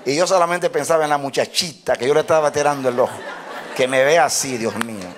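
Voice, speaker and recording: A male pastor telling a personal story in a sermon, animated, often laughing and building up to loud exclamations. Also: a little high, fast, a faint crowd.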